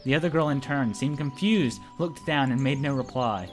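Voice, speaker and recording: A man with a mid-range voice, speaking at normal speed, narrates a let's play by reading a visual novel aloud among friends. His informal narration trips over the script now and then, with faint game music in the background.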